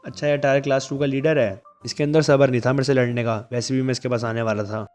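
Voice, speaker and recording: A man voicing a calm, strong teenage transfer student who talks casually, in a comic-book recap. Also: mid-range voice, quick pace, faint music behind, natural voice.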